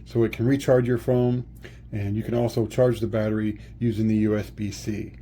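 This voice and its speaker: With a dark, fairly low voice that barely moves in pitch, a product reviewer speaks at a moderate pace. He explains a product simply, step by step, in a casual demo. Room ambience and faint noise are present.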